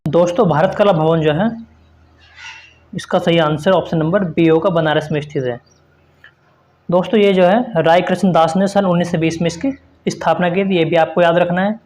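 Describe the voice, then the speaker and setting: A man with a strikingly high-pitched, slightly mellow voice runs an exam-prep lesson at a normal pace and a fairly level intonation. He reads quiz questions and their answers aloud, then explains them instructively, repeating key points for emphasis.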